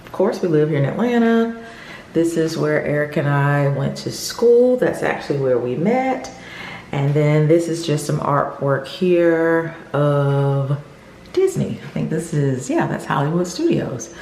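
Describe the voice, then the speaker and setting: A woman's voice: low voice, very animated, unhurried, darkish tone, a little hiss or hum. An American woman chatting casually to her viewers as a home renovation vlogger, with an enthusiastic, direct manner. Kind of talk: casual vlog chat to viewers.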